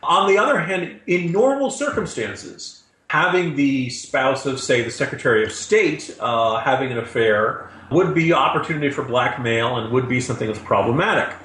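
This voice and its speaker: A man's voice: medium pitch, expressive, moderate pace, fairly bright tone. A man giving wry, sarcastic commentary as a regular guest on a news discussion show. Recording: roomy echo.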